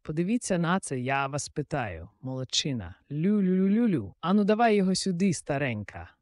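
A man voicing an excitable, boastful old king in an audiobook, cheering loudly. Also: mid-range voice, normal speed, dry recording, studio quality, close to an everyday voice. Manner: raised, bursting with excitement. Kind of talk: audiobook character voice.

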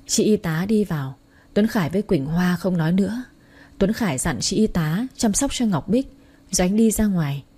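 A woman narrating a story in the first person, reading in a steady storytelling manner. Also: mid-range voice, husky. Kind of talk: scripted narration.

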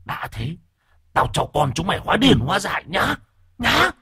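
Shrill whining ghost child, bitter and vengeful, slow drawn-out wail, storybook telling, dry close sound. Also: male voice, huge pitch swings, pushed and bright, breathy edge, no echo, heavily acted. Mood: furious cursing. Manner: high, thin and drawn-out whine, cursing.

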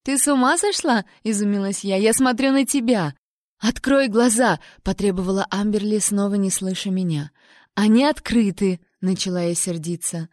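A woman voicing a gentle young noblewoman, the heroine's sister, pleading in a higher, louder voice. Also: a little fast, dry recording, studio quality, natural voice. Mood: urgent.

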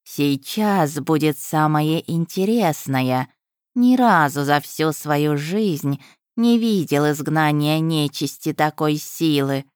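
A woman voicing a calm, sinister male dark elf mage who speaks slowly and measuredly. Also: sits low, clean tone, no echo, clean studio sound.

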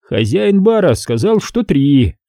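A man's voice: a little high, big pitch swings, slow, mellow, no room sound, studio quality, voice pushed up, full character voice. A man voicing a tall male police detective who questions in a level, expressionless tone. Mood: cold. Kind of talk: audiobook character voice.

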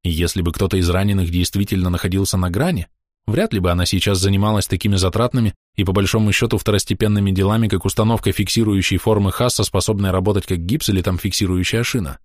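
A man reading a fantasy novel aloud as audiobook narrator, in a steady storytelling manner. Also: low voice, fast talker, no room sound, studio quality. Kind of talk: scripted narration.

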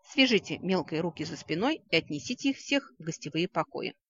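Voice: mid-range voice, expressive, brisk, fairly bright tone, breathy edge. A reader voicing a furious, menacing male werewolf king who roars and hisses threats. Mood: threatening. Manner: roaring, hissing threats. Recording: dry, slightly dull recording.

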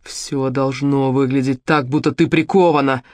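A man's voice: fairly even intonation, moderate pace, dry recording, close to an everyday voice. Narrator voicing a stern, protective young man. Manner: low, clipped, firm commands.

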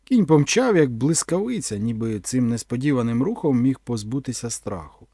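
Husky man reading dramatically. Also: medium pitch, normal speed, no room sound, clean studio sound. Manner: expressive, dramatic. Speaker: audiobook narrator.

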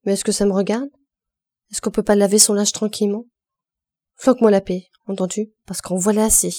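A woman voicing a spiteful young laundress who taunts loudly in a quick, mocking way. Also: mid-range voice, fairly even intonation, no room sound, close to an everyday voice.

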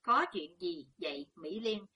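A woman's voice: fairly low pitch, animated, unhurried, bright, forceful tone, breathy edge, full character voice. A woman voicing a worried older peasant mother who scolds anxiously. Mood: fretful.

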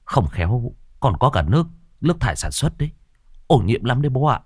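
Squeamish teenage son, anxious and quick, put on by a male narrator. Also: mid-range voice, very animated, husky, dry recording, clean studio sound.

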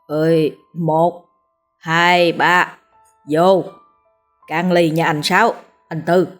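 A woman's voice: low-pitched, steady tone, soft background music, natural voice. A woman voicing a jolly drunken old village man who slurs and drags out his words. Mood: slurring. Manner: slurred, drawn-out chanting.

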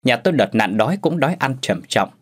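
A man narrating a first-person story as a storyteller in scripted narration, with lively, expressive delivery. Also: medium pitch, fast talker.

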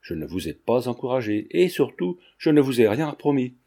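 A man's voice: medium pitch, sing-song, normal speed, dark tone. A man reading the lines of a dignified aristocratic lady who answers coldly. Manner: cold and dignified.

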